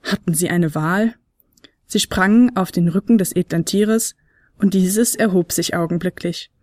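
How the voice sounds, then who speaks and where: A woman narrating a children's advent story in a clear, steady storytelling voice. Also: fairly low pitch, measured pace, no echo, studio quality.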